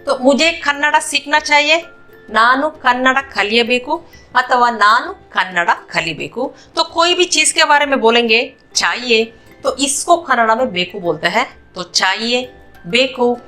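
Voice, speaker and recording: A woman's voice: a little high, lively intonation, a little slow, sharp tone, soft background music. A woman with an Indian accent teaching a beginners' language lesson, patiently repeating each phrase and drilling word pairs. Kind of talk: slow, repetitive spoken lesson.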